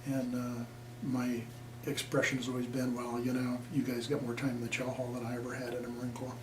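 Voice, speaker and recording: A man's voice: medium pitch, completely flat delivery, brisk. An older man from Nebraska, speaking plainly with many fillers in an oral history interview. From Nebraska, USA. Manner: plainspoken, rambling with frequent fillers. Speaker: veteran being interviewed. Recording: echoey room, distant mic, faint noise.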